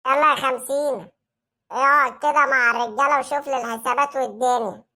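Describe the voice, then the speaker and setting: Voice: high voice, fairly even intonation, fast, bright, forceful tone. A performer voicing a bossy, boastful male gang boss from a comedy cartoon, speaking with an Egyptian accent. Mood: lordly. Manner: swaggering, ordering others around. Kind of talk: comic cartoon acting.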